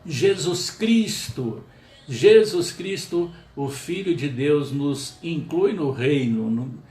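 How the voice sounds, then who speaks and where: A man preaching a sermon as pastor, earnest and measured, pausing often with small fillers. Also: on the high side, expressive, darkish tone, echoey room.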